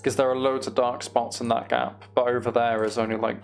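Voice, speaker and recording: Livestreaming a game, a man chats casually, thinking out loud and answering viewer comments as they come in. His voice is gravelly and medium-pitched with little pitch movement, and he talks briskly over soft background music.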